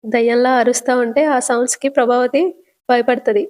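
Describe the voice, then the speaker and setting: Woman storyteller, chatty and brisk recap delivery, high-pitched. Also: little pitch movement, a little mellow. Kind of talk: casual retelling narration.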